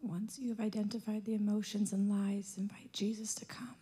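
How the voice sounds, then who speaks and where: A woman's voice: medium pitch, level tone, brisk, husky. Young woman preacher guiding a congregation. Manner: gentle, coaching, speaks directly to the congregation. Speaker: church speaker. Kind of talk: sermon with guided prayer. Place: church auditorium stage. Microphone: handheld mic.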